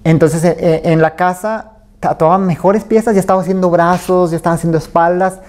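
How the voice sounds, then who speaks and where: A Mexican man talks through his story in a mellow, easygoing voice. He rambles casually and leans on fillers. Now and then he acts out what others said to him. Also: sits high, brisk. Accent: Mexican Spanish. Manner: relaxed and rambling, with many fillers and acted-out quotes. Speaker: tattoo artist, interview guest.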